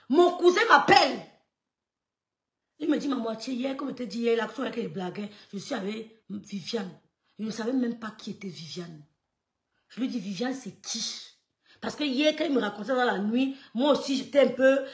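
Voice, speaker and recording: A woman telling a personal story in casual French, swinging between loud quoted lines and quiet asides, with stammers and laughs. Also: fairly high pitch, roomy sound. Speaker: storyteller recounting gossip.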